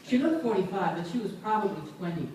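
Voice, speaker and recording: A woman's voice: mid-range voice, sing-song, fast, noisy background. Woman reading aloud in an echoey gallery. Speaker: reader at a book launch. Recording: echoey room, far from mic.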